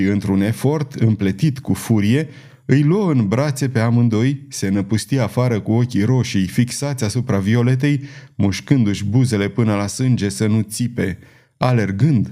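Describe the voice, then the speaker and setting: A man narrating a novel in a dramatic, measured reading. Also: lowish voice, mellow. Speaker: audiobook narrator. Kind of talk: scripted narration.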